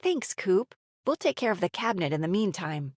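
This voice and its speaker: A woman's voice: mid-range voice, very animated, normal speed, a little mellow, no echo, clean studio sound. A woman playing a wry, affectionate novelist heroine in a story game, with a playful conversational manner. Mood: cheerful. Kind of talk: scripted game story dialogue.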